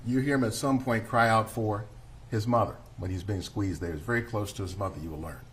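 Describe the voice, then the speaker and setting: A middle-aged man giving a courtroom opening statement as prosecutor, speaking in a measured, deliberate way to the jury. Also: fairly low pitch, fairly bright tone.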